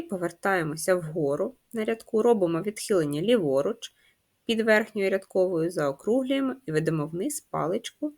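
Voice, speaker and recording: A woman teacher giving a first-grade handwriting lesson, patient and instructive, spelling out letters and sounds one by one. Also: on the low side. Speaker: primary school teacher.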